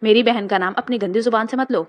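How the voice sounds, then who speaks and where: A woman's voice: a little high, steady tone, dry recording, muffled recording, natural voice. A woman voicing a cruel, vengeful man of about thirty who speaks with cold contempt. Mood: menacing.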